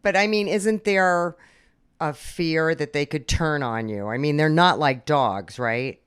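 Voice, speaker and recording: A woman's voice: sits low, measured pace, smooth, dry recording, studio quality. A woman interviewer who asks curious, probing questions. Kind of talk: casual interview.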